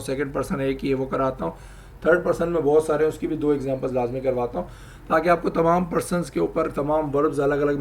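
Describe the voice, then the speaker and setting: A man teaching English grammar, explaining slowly and repeating example sentences. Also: on the high side. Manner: addresses viewers, asks them to try. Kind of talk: spoken language lesson.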